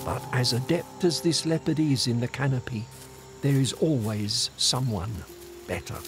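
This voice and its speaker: A man reading scripted nature documentary narration in a measured storytelling manner. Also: mid-range voice. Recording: music under the voice. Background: background music.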